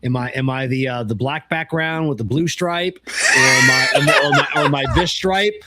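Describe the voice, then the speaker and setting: A man with a fairly high voice chats on a podcast. He stumbles over his words and restarts lines as he goes. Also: huge pitch swings, brisk, very noisy. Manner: stammering, restarts lines, mocks others' voices. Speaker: podcast co-host. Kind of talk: casual chat.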